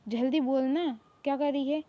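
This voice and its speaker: A woman's voice: high voice, fairly even intonation, normal speed, highs cut off, natural voice. A woman voicing a teasing, protective young man who scolds his best friend in a spoken fan story. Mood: pushy. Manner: scolding, bossy.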